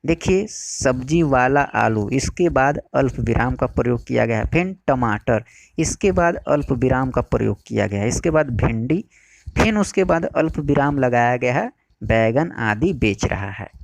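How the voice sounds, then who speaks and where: A man teaching a Hindi exam-prep lesson, explaining slowly and repeating key phrases. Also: medium pitch, lively intonation, creaky, no room sound.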